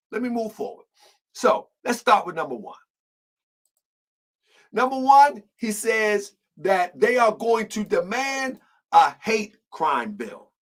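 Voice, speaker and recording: A man's voice: high-pitched, a bit bright, rough recording. Male host, fired-up solo commentary, hammers rhetorical questions, repeats himself when heated. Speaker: online show host. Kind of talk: impassioned commentary monologue.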